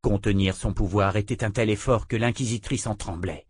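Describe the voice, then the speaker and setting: A man narrating a fantasy audiobook in a measured, dramatic reading. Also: fairly low pitch, steady tone, darkish tone, breathy edge, no room sound.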